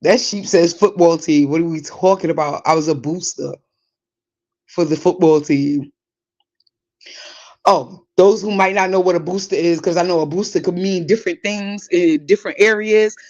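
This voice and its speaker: A woman in her forties with a Brooklyn New York accent, hosting a podcast in casual chat, animated, laughing often and digressing. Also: lowish voice, normal speed, lo-fi sound. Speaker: podcast host. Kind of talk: casual chat reading listener comments.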